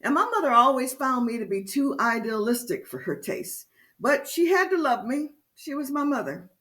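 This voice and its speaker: A woman giving a prepared lecture-style talk to a discussion group, speaking slowly and with emphasis. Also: high-pitched, big pitch swings, a bit bright. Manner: slow, deliberate and emphatic. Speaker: speaker leading a discussion series.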